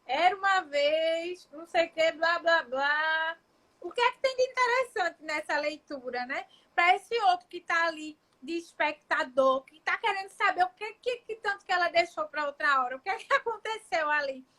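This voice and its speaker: A woman with a very high, bright voice hosts a casual live chat on a video call. She talks in a reflective, searching way, often restarting a thought and checking in with her listener. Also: lively intonation, fairly quick, few pauses. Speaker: child psychologist and live-stream host.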